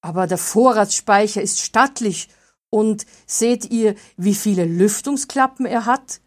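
A woman's voice: medium pitch, a little slow, lightly acted. A woman voicing a hesitant, defensive village blacksmith in a read-aloud fairy tale. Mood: justifying. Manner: hesitant, justifying himself.

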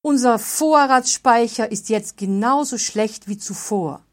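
A woman voicing a loud, complaining village maid in a read-aloud fairy tale. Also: a little high, unhurried, voice pushed up, natural voice. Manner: loud, whiny scolding.

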